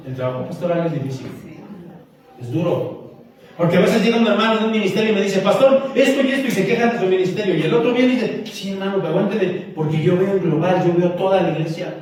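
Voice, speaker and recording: A man's voice: sits high, a little mellow. A man preaching a sermon as pastor, telling stories and joking with the congregation. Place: church hall. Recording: echoey hall from far off.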